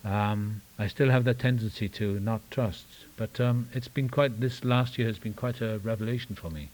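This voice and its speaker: At a recovery meeting in a meeting room, an older man from Wales gives personal testimony in a fairly low, darkish voice at a moderate pace. He wanders through his story with dry self-deprecating humor, restarting often and trailing into asides.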